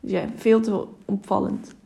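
A woman voicing an old man in a storybook reading who scolds and urges in a hushed, hurried way. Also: medium pitch, vocal fry. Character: older man, a kindly meddling helper.

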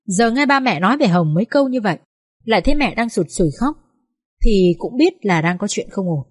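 A woman narrating a dramatic family story in an expressive, measured reading. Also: mid-range voice, husky, dry recording, studio quality. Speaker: audiobook narrator.

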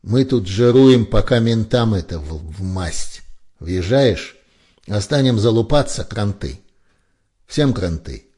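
A man voicing a gruff, blustering middle-aged boss of a criminal hideout. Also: fairly low pitch, lively intonation, slow pace, dark tone, voice pushed up, full character voice. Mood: lecturing.

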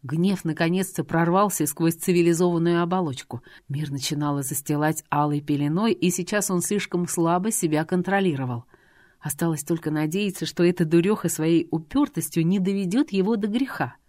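A woman reading a novel aloud in steady, scripted narration. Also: lowish voice, fairly quick, no room sound, clean studio sound. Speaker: audiobook reader.

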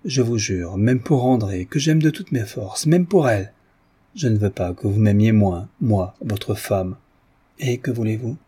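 A man's voice: on the low side, lively intonation, a little slow, mellow, slightly rough. A man reading aloud and voicing a coquettish, anxious young wife who pleads tenderly with her husband. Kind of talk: audiobook reading.

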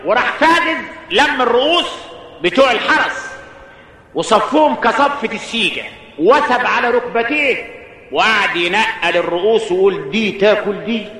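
A man's voice: very high voice, animated, moderate pace, pushed and bright, echoey room, long reverb tail, distant mic, low-quality recording. A man with an Egyptian accent reciting a folk epic in a rhythmic, rhymed storytelling manner. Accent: Egyptian Arabic.

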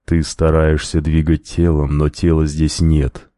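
A male narrator voicing an unseen male spirit who speaks in a slow, solemn, insistent bass. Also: monotone, mellow, no echo. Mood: instructive. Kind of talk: audiobook character voice.

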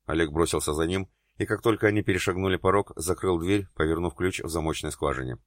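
Deep low guy reading an audiobook, steady dramatic telling, dry close sound. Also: fast talker, dry recording. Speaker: audiobook narrator. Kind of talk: scripted narration.

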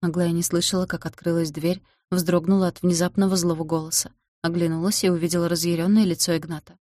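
A woman narrating a story in a steady audiobook reading. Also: fairly low pitch, fast, no echo, clean studio sound.

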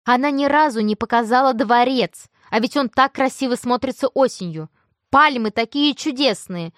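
A grand old grandmother complains in a creaky, imperious tone, wholly wrapped up in herself, acted out by a woman narrator. The storybook reading is dry and close. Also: a little high, moderate pace, no room sound, voice pushed up, natural voice. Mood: haughty indignant. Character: haughty old grandmother, grand and self-absorbed.

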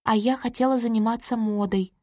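A woman reading the part of a warm, chatty woman who is quick to apologise. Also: fairly high pitch, fairly even intonation, no room sound, studio quality, lightly acted. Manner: friendly, hasty, apologetic. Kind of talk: audiobook character reading.

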